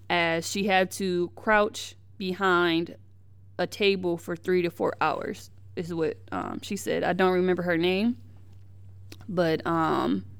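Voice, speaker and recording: A woman's voice: fairly low pitch, clean tone. A young woman hosting a podcast, giving heated, emphatic commentary on the news, with slang and frequent restarts. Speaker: podcast host.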